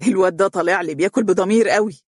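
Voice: mid-range voice, very fast, no room sound, natural voice. A storyteller voicing a joking, affectionate husband in Egyptian dialect, close to the reader's own voice. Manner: warm joking, mock-stern. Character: joking, affectionate husband who plays stern. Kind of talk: storybook reading.

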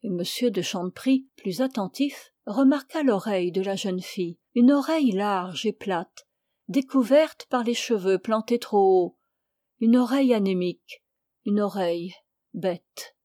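A woman reading a classic novel aloud in a measured, expressive narration. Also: medium pitch, no echo, studio quality. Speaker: audiobook reader. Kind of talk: literary audiobook narration.

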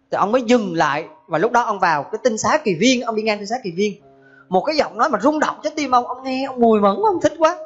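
Woman giving a sermon. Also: mid-range voice. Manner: conversational, asks the audience questions. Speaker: Buddhist teacher. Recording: dull lo-fi recording.

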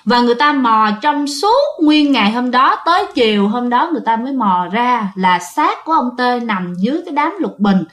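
A woman's voice: on the high side, animated, normal speed, hardly any pauses, a bit bright. A woman telling a ghost story in a chatty way, often talking straight to her listeners. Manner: chatty, addresses listeners directly. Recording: roomy echo.

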